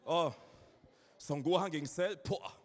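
A man in his thirties preaching a lively sermon to a live congregation, joking and asking them questions as he tells stories. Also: a little high, unhurried. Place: church service before a live congregation. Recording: reverberant hall.

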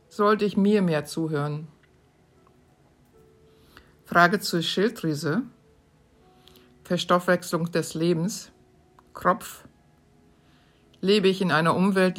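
A woman hosting her podcast, reading short questions aloud from her own book in a calm, measured way. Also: on the low side. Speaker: podcast host.

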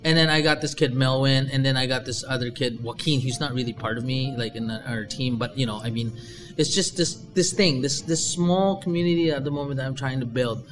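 A man in casual chat, rambling and animated, his voice jumping up when he gets excited. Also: medium pitch, a little fast, music in the background.

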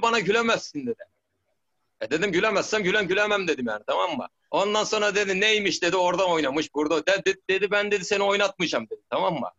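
High-pitched man telling old stories. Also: fairly bright tone, dull audio. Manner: rambling, frequent restarts and "tamam mı?". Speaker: former footballer guest. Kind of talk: casual storytelling interview.

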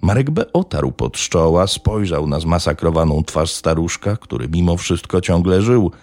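Man, very low voice, gravelly, grave measured true-crime narration, faint music under it. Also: expressive, a little mellow, no echo. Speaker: podcast narrator.

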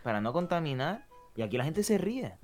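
A man's voice: a little high, sing-song, fairly quick, darkish tone. A man from co-hosting a casual podcast, sarcastic and teasing, stumbling and repeating words as he talks. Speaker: podcast co-host. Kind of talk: casual live-stream chat. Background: faint background music.

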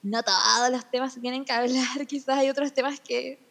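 A woman's voice: high voice, steady tone, normal speed, vocal fry, a bit bright. Young Chilean woman explaining on a podcast. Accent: Chilean Spanish. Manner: explanatory, laughs often. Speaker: podcast co-host. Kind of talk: casual podcast chat.

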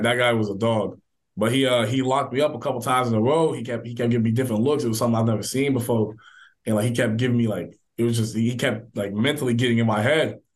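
A young man, a college football player, answering interview questions in a relaxed, casual way full of fillers. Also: medium pitch. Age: young adult. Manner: relaxed, filler-heavy, quick talk.

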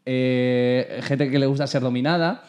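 A Spanish podcast host with a mid-range, slightly slow voice tells an anecdote during a casual chat. He's an animated storyteller who acts out the dialogue and laughs often.

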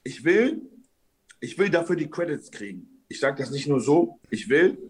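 A man's voice: fairly high pitch, sing-song, normal speed, a loud crowd. A young man, bantering casually with friends in crude, slangy street talk.

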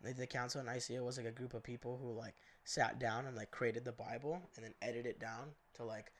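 A man's voice: medium pitch, fairly even intonation, brisk. A young man co-hosting a casual podcast chat. He sounds congested and rambles, with lots of fillers and swearing. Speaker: co-host.

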